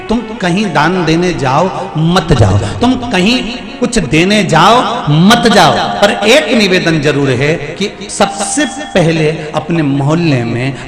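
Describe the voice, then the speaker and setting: A male preacher with a central Indian Hindi accent, giving a storytelling devotional sermon that pleads with and jokes to a crowd. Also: a little high. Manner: storytelling, pleading, mixes jokes and rhetorical repetition. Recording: echoey hall with music.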